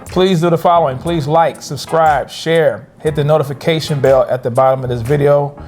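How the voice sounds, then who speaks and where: A man co-hosting a couples' ministry channel, chatting in a lively, teasing way. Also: a little high, moderate pace, faint music behind. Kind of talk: casual chat.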